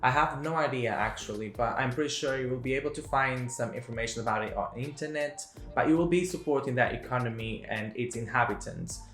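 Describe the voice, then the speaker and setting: A man's voice: mid-range voice, a little fast, hardly any pauses, fairly bright tone. Chatty man in an echoey room. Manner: chatty, laughs often, fillers and restarts. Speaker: travel vlogger co-host. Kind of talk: casual chat. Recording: echoey room with faint music.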